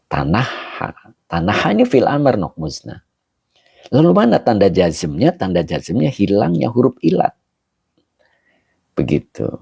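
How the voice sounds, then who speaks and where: A man's voice: lowish voice, vocal fry, mellow, husky, no room sound. A man teaching as an Islamic scholar on a live stream, chatting and greeting viewers by name between grammar explanations. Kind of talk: live-streamed kitab study, reading comments aloud. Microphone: handheld camera he holds himself.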